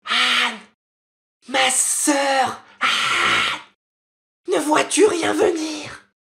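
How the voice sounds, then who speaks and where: A man voicing a terrified young wife pleading for her life in a storybook reading, in a high falsetto. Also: drawn-out words, creaky, pushed and bright, heavily acted. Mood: desperate calling.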